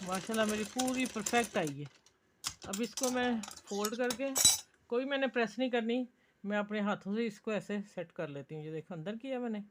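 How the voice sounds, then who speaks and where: A woman with a Pakistani Urdu accent, teaching a stitching tutorial in a homely, chatty, encouraging way. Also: medium pitch. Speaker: sewing teacher.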